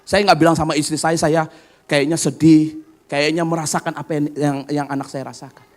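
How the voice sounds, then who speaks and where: A middle-aged male pastor preaching a sermon, swinging from loud, high exclamations to hushed asides, often calling on the congregation for an amen. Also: flat delivery, fairly quick.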